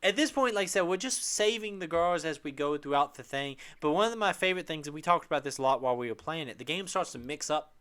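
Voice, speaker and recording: A man's voice: on the high side, expressive, quick pace, hardly any pauses, a bit bright, clean tone. A man co-hosting a podcast, chatting casually and animatedly retelling game scenes with laughter. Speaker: podcast co-host.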